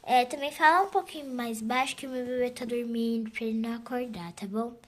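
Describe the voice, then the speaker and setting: A woman's voice: on the high side, a little fast, lightly acted. A young woman voicing a tired mother on a flight with a crying baby, sighing and weary. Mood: polite. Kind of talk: game role-play voiced over.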